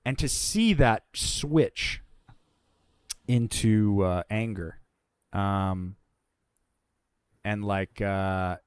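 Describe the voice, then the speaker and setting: A man's voice: lowish voice, drawn-out words, long pauses, clean tone, dry recording, clean studio sound. A man talking as a guest in a casual conversation, telling stories bluntly and with plenty of swearing. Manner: blunt, profane, animated storyteller. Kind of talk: casual conversation, candid storytelling.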